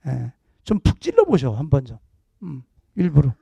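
Casting: man, middle-aged pastor, gravelly, mellow voice, dry close sound, jokey sermon delivery. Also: medium pitch, wildly swooping pitch, moderate pace, no echo. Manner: jokey, conversational preaching with laughs.

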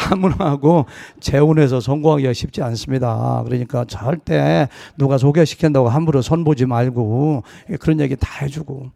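A middle-aged man, a pastor preaching a sermon, telling a humorous personal story and acting out the dialogue with lively shifts of voice. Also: medium pitch, normal speed, vocal fry, hardly any pauses, dry recording. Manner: anecdotal and humorous, acting out dialogue in a wide-ranging voice.

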